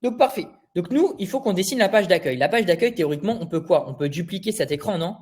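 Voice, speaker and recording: Young male instructor, slightly high voice, chatty live-tutorial delivery full of rhetorical questions. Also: expressive, quick pace, a little mellow, husky. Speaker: design instructor. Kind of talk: live screen-share tutorial.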